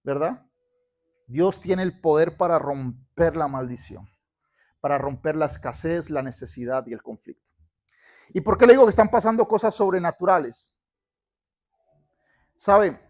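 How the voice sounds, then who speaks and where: A man's voice: on the high side, lively intonation, a little slow, pauses often. Fervent Colombian-born male pastor preaching. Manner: fervent preaching, calls for congregation responses. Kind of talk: sermon with church announcements. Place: church sanctuary.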